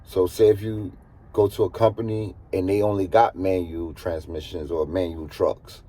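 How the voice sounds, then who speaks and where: Speaking in a mellow, low voice with a level tone and moderate pace, the same kind of truck-driving vlogger, an American man in his thirties from the eastern US, talks casually to his viewers and repeats things for emphasis. He's in his truck cab, and the engine noise is clearly audible beneath his words.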